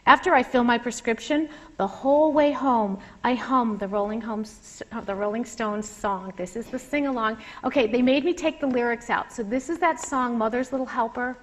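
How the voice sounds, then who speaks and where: A woman's voice: on the high side, normal speed, hardly any pauses. A middle-aged woman author reading from her memoir to a live audience and chatting between passages in a wry, candid way. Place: lecture room with a live audience.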